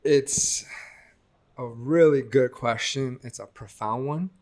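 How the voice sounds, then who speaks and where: A young man from the United States, a guest speaking reflectively in a casual interview, lively when he quotes others. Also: mid-range voice, slow pace.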